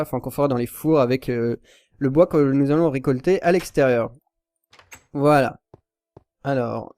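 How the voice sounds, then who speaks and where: A man's voice: mid-range voice, dark tone, dry recording. A young man casually commenting on his video game as he plays, rambling and self-correcting, with sudden panicked yelps. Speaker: Minecraft YouTuber.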